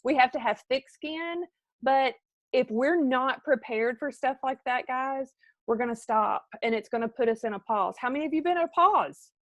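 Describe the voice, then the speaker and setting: A middle-aged woman, giving an animated motivational talk to her team on a live video and calling out viewers by name. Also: high voice, moderate pace, dry recording. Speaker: team leader.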